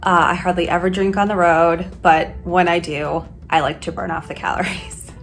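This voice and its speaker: Woman, flight attendant vlogger, casual and candid, somewhat low voice, hotel room, faint background music. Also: steady tone, moderate pace, fairly bright tone. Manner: chatty, candid, laughing. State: out of breath at times. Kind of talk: casual workout vlog.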